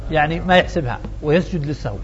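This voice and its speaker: Fast, high-voiced religious teacher, hall echo. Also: male voice. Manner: explanatory, asks rhetorical questions then answers them. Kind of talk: religious lesson explaining prayer rulings. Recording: dull lo-fi sound in a reverberant hall.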